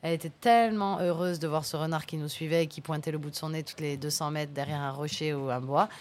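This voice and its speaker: A woman's voice: deep voice, fairly even intonation, quick pace, a little mellow. A young woman, a farm-tourism entrepreneur and singer, chatting casually as an interview guest and telling stories. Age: young adult.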